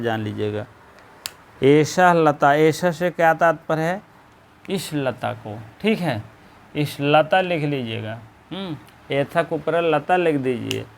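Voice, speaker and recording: A man teaches a Sanskrit play for exam preparation, repeating key phrases slowly and stressing each word as he explains the lines. His voice is a little high, with slight background noise.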